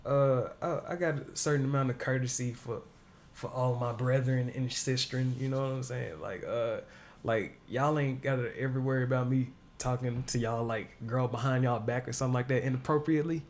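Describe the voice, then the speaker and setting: A man co-hosting a podcast in casual chat, telling stories slowly and often saying "you know what I'm saying". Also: medium pitch, steady tone, a little hiss or hum. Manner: laid-back storyteller, says "you know what I'm saying" a lot. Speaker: podcast co-host.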